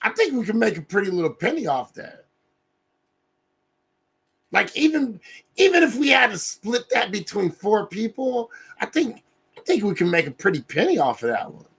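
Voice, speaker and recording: This livestream host speaks slowly in a high, gravelly, sing-song voice with a fairly bright tone and a husky rasp beneath it. He rants casually, meandering through a profane plan while repeatedly checking in with his audience.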